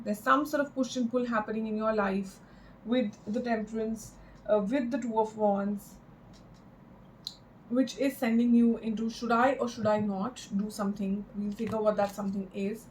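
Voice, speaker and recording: A woman giving an improvised, mystical horoscope tarot reading in a halting, reflective way, repeating phrases for emphasis. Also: fairly high pitch, a little mellow, a little hiss or hum, low-quality recording. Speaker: tarot card reader.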